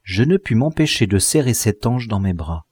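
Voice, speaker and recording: A man narrating a classic novel as an audiobook, in an expressive literary reading. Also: fairly low pitch, moderate pace, husky, no room sound, studio quality. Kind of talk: scripted narration.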